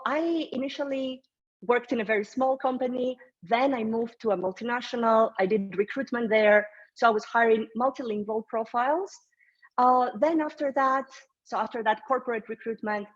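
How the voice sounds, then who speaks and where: A woman's voice: a little high, dull audio. A woman in her thirties from Greece, a career strategist presenting a webinar in an encouraging, conversational way with fillers and restarts.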